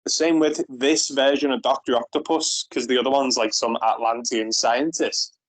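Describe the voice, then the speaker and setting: A man's voice: mid-range voice, fairly even intonation, moderate pace, no echo, low-quality recording. A man co-hosting a podcast in a laid-back, casual chat, swearing freely, his voice run through a robot filter. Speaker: podcast co-host.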